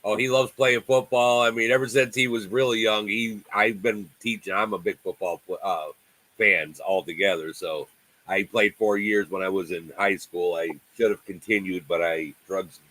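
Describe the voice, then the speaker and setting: A man's voice: fairly low pitch, steady tone, normal speed, bright, forceful tone, low-quality recording. A man in his sixties hosting a casual livestream chat from home on a video call, talking in a friendly, rambling way with many restarts. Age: 60s. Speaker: livestream host.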